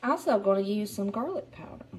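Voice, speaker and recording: A woman's voice: mid-range voice, lively intonation, a little fast, a little mellow, breathy edge. A woman in her thirties with a Southern US accent, chatting casually through a home cooking vlog in her kitchen. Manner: chatty, upbeat, narrates while cooking. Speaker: vlogger.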